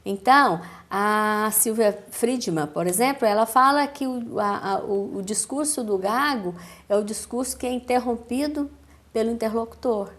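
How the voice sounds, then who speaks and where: A woman with a Brazilian accent, a speech therapist giving a calm, didactic explanation in a TV interview, with measured pauses. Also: on the high side. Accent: Brazilian Portuguese.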